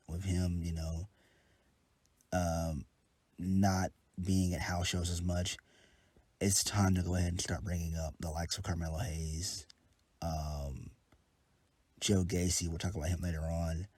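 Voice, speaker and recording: Reviewing a wrestling show in a relaxed way, a man with a head cold speaks in a low-pitched, darkish voice, flat and unhurried. He rambles with lots of ums and uhs and the odd casual swear; the recording is dry.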